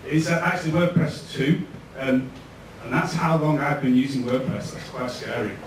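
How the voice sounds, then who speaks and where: Speaking with a Lancashire accent and a mid-range voice, a man in his thirties chats casually through a tech meetup presentation in an event room before an audience. He pauses frequently with "ums," and the audio is echoey and noisy, recorded from afar.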